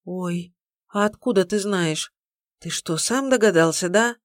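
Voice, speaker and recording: A woman reading an audiobook, voicing a gentle, anxious young pregnant woman who pleads tearfully. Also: fairly low pitch, unhurried, no echo, studio quality, lightly acted. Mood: anxious pleading.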